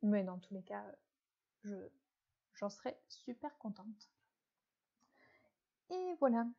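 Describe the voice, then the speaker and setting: A woman's voice: fairly high pitch, mellow, lo-fi sound. A woman hosting a knitting podcast, chatting casually about her projects with lots of hesitant fillers. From France. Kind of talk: casual show-and-tell chat.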